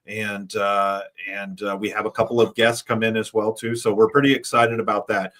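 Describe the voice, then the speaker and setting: A man's voice: fairly low pitch, little pitch movement, moderate pace, fairly bright tone. A man talking in casual podcast chat about classes he teaches, hesitant, with many "uh" fillers.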